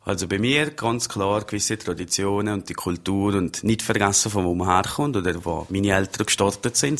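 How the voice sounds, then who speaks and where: A man with an Upper Valais Swiss German accent speaks as a guest on a radio interview, answering in easygoing, rambling stories. His voice is very deep and low throughout. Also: gravelly, fairly bright tone. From Upper Valais, Switzerland. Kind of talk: conversational interview.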